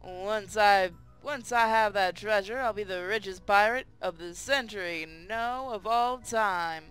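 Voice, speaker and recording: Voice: medium pitch, measured pace, a bit bright, clean tone, soft background music, lightly acted, low-quality recording. A man voicing a boastful, gleeful young female pirate captain, reading a visual novel with theatrical, triumphant declaiming. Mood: gleeful boasting. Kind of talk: hobby visual novel read-aloud.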